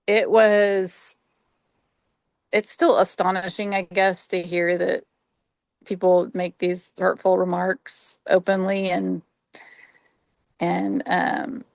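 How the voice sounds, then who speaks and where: Creaky-voiced woman, supportive counselor manner. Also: fairly low pitch, level tone, slow pace, pauses often, dry recording. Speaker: trainee counselor in a practice role play. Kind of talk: casual, reflective discussion and counseling role play.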